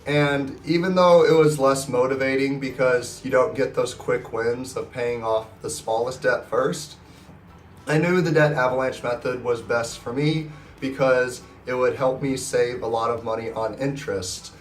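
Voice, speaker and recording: With roomy echo, a distant mic and faint guitar music in the background, a personal finance vlogger in his twenties rambles cheerfully through his story. He sounds sick, nasal and scratchy, his medium-pitched voice slightly slow and fairly even.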